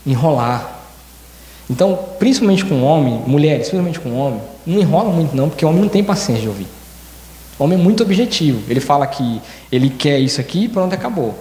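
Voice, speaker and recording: A man's voice: high-pitched, a little mellow. A man with a Brazilian Portuguese accent preaching a sermon as a church elder. He speaks emphatically, repeats his key phrases and acts out quoted dialogue. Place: church hall. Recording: echoey church hall with long reverb.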